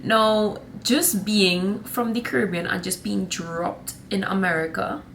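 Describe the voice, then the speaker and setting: Speaking with a Trinidadian accent, this young female vlogger from Trinidad and Tobago rambles sassily to camera in a casual chat, addressing viewers as honey and y'all. Her voice is medium in pitch, steady and fairly bright, at a measured pace, and there's a little hiss or hum.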